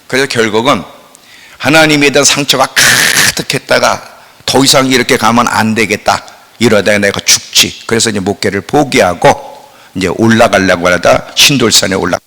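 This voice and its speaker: A middle-aged man preaching a sermon as a pastor, swinging between loud outcries and hushed asides. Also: fairly low pitch, moderate pace. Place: church sanctuary. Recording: long church hall reverb.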